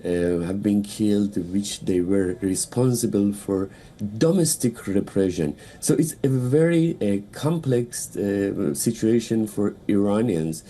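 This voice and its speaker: An Iranian political analyst speaks English with a Persian accent in a lowish, warm voice. His live news interview is halting, full of fillers and restarts.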